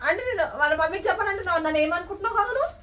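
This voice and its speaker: Fast-talking high-voiced scolding woman. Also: lively intonation, sharp tone, far from the mic. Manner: scolding, indignant, rapid. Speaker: mother scolding in a family sketch. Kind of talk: scripted family comedy sketch.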